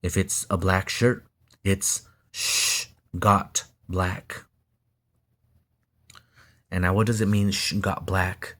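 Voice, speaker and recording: This video blogger, a Mexican American man who grew up speaking Spanish, reads a text aloud and adds commentary. His voice is low and flat, and he speaks haltingly with repetitions and restarts.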